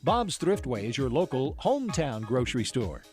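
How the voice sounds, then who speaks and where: A man's voice: medium pitch, sing-song, moderate pace. A man reading a supermarket announcement as a radio ad, with an upbeat promotional delivery. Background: music bed.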